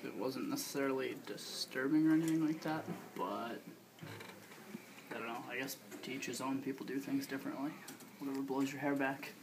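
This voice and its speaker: Young male interviewee, noncommittal; distant mic, steady background noise. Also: mid-range voice, brisk. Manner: hesitant, noncommittal.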